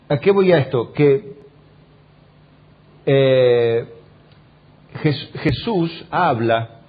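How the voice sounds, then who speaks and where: A pastor with an Argentine Spanish accent and a medium-pitched, slightly rough voice preaches in a church hall, captured in lo-fi sound. He poses rhetorical questions to the congregation and animatedly acts out the quoted lines and voices in his stories.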